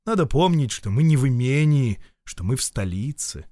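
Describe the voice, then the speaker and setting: A grumbling, domineering official husband, as a man reading the story puts him on. He lectures in a peevish, insistent tone. His voice is mid-pitched, and the reading sounds dry and close. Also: lively intonation, moderate pace, dark tone, no room sound, natural voice. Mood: peevish, lecturing.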